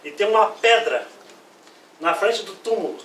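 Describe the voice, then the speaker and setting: A male pastor, preaching a lively sermon and acting out Bible quotes. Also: sits high, normal speed, slight background noise. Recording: echoey room, voice from far off.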